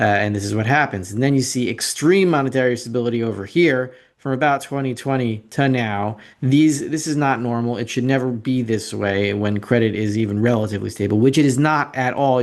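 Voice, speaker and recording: Sardonic and full of opinions, this financial show host talks informally over slides and keeps repeating phrases to drive points home. His voice is mid-range and a little mellow.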